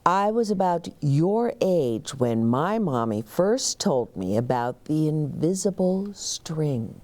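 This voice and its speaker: A woman plays a tender storybook mom comforting young children. She speaks very slowly and patiently, in a mellow, soothing tone with gently varied melody. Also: low-pitched, big pitch swings, full character voice. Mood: tender, explaining. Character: gentle, reassuring storybook mother of young twins.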